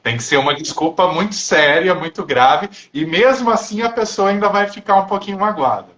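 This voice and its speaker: A man co-hosting a casual live stream, talking reflectively and haltingly, with many pauses and restarts. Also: high-pitched, a bit bright. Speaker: therapist and co-host.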